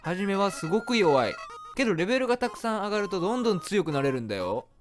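A man's voice: high voice, big pitch swings, fast talker, over music. A man voicing a two-faced talking flower in a Kansai accent, with chirpy sing-song friendliness that hides a snide edge. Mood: friendly.

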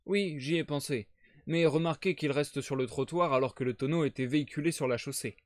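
A man playing a sharp, self-assured male detective, in a brisk, reasoning manner. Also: fairly high pitch, no echo, natural voice.

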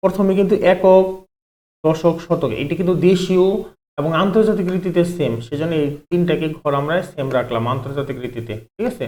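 A man with a warm, fairly high voice teaches a math lesson online, moving a little fast. He works through it step by step, posing questions and answering them himself while repeatedly saying "ঠিক আছে".

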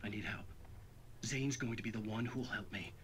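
An actor voicing a haunted male writer hero, giving measured inner-monologue narration in a video game. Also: lowish voice, fairly even intonation, a little hiss or hum, natural voice, low-quality recording. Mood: grim resolve.

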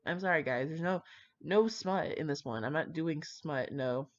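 This host of a fan fiction reading channel is a young woman with a deep voice, talking to her viewers at a moderate pace. She rambles casually, swearing and poking fun at herself with an irreverent attitude. The recording has its highs cut off.

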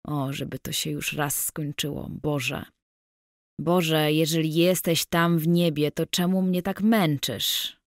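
A woman reading the part of a naive young woman, quiet and weary. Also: low voice, steady tone, slow pace, no echo, studio quality. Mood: despairing.

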